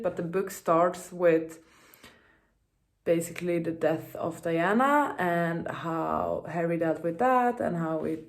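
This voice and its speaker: Woman chatting casually in a rambling vlog. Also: on the low side. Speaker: reading vlogger.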